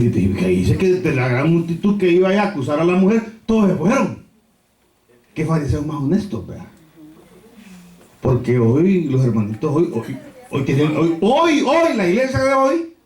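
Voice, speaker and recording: Animated male pastor preaching in a church. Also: fairly high pitch. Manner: animated storytelling, rhetorical repetitions. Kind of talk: sermon. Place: church sanctuary. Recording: echoey church from a distance.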